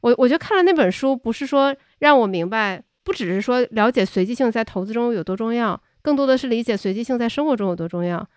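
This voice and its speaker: A woman hosting a podcast chat, speaking in a measured, reflective way. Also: a little high, animated, clear, resonant tone, no echo, clean studio sound. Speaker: podcast host.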